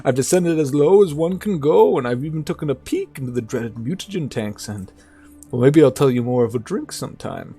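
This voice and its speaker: A man's voice: medium pitch, expressive, brisk, warm tone, husky, faint music behind, voice pushed up. A man voicing an amiable, chatty old scavenger from a video game in a folksy old-timer manner. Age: older. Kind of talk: video game dialogue read in character.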